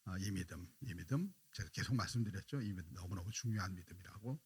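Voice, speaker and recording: A male pastor giving a dawn prayer sermon. He puts questions to the congregation and answers them himself, and he goes quiet and slow when he quotes Jesus. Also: low voice, husky. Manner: drops to quiet, drawn-out lines when quoting Jesus.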